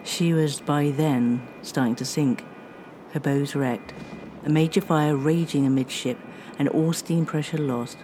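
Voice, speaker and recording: A woman presenting a radio history show, reading a scripted narration in a measured way that slows down on dramatic lines. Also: low voice, steady tone, dark tone, slight background noise.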